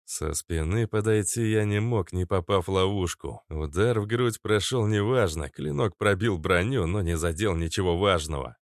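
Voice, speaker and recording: A man narrating an adventure audiobook in the first person, steady and even, on a close studio mic. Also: sits low, normal speed, few pauses, no echo.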